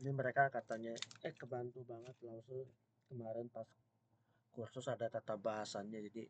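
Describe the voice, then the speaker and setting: A man's voice: medium pitch, little pitch movement, muffled recording, a little hiss or hum. A man teaching a Mandarin grammar class online, stretching out example sentences and chatting with his students, with an itchy throat. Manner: slow, drawn-out modelling of example sentences.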